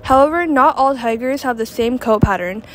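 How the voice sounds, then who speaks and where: A woman's voice: high-pitched, normal speed. A woman reading scripted nature documentary narration. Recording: background ambient noise.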